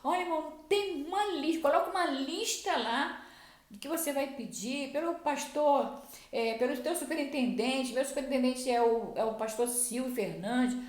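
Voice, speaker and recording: A woman's voice: sits high, moderate pace. A woman giving earnest Bible teaching in a sermon style, repeating herself and restarting often. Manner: earnest, repetitive, with many restarts. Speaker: Bible teacher at a church program. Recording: roomy echo.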